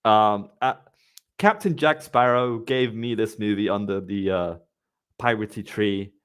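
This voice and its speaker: A man's voice: lowish voice, smooth. A man hosting a casual live-streamed podcast, rambling with frequent restarts. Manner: rambling, with many restarts and quick laughs. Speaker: podcast host.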